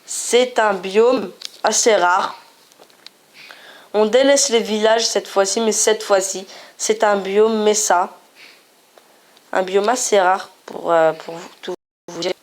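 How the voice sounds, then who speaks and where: Speaking slowly in a medium-pitched voice with fairly even intonation, a woman hosts a relaxed gaming video. She's playful and talkative, frequently repeating herself as she points out things on screen.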